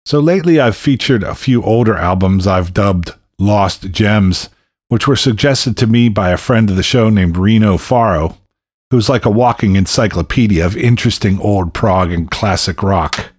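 A man's voice: lowish voice, normal speed, husky. A man hosting a music show, introducing tracks in a scripted radio presenting style.

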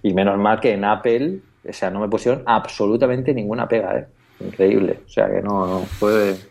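A man's voice: on the low side, steady tone, normal speed, gravelly, a little mellow. A man hosting a podcast, telling a rambling, self-mocking story with lots of laughter and restarts. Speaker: podcast host. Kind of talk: casual storytelling chat.

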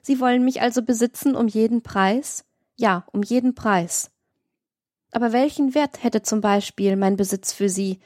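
A woman voicing a calm, self-assured young woman in an audiobook love scene. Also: mid-range voice, moderate pace, hardly any pauses, no room sound, studio quality, close to an everyday voice. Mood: probing. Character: cool composed young noblewoman.

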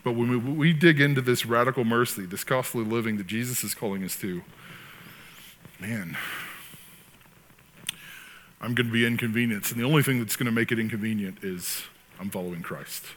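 A man's voice: mid-range voice, normal speed, pauses often, a bit bright, big-room sound, a little hiss or hum. A man preaching a sermon in a conversational way, with sarcastic asides and acted-out quotes. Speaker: pastor.

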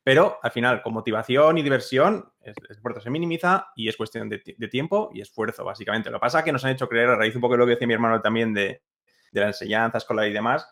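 A man's voice: mid-range voice, fast, a bit bright. A man, a guest in a conversational interview who repeats his points for emphasis. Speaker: co-creator of an English-learning method, guest.

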